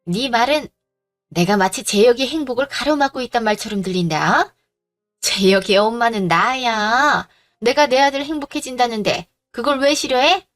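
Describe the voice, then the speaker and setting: A woman's voice: a little high, normal speed, a bit bright, faint music behind, lightly acted. A woman voicing a pushy, greedy middle-aged mother-in-law who scolds and makes demands, in a storybook drama reading. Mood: scolding.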